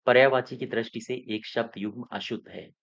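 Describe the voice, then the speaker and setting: A man's voice: mid-range voice, steady tone, a little fast, gravelly, muffled recording. A man teaching as an exam coaching teacher, walking through mock test answers, repeating key points and often checking that students follow.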